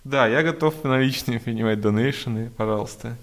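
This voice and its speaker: Podcast co-host, man in his thirties, mid-pitched, playful self-mockery, drops to a mumble at phrase ends. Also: brisk. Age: 30s. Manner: self-mocking, jokey, trailing off quietly. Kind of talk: casual podcast chat.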